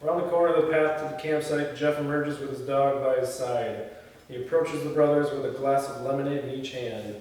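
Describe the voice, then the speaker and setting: Reading stage directions from a screenplay with casual asides, a man speaks briskly in a medium-pitched, darkish voice. The table read takes place in an indoor room that is very echoey, recorded on a distant mic with faint noise.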